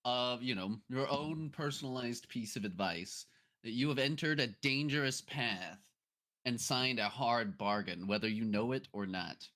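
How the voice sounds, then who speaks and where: A man serves as game master for a tabletop role-playing game, narrating casually with fillers and drawn-out names. His medium-pitched voice is bright and forceful.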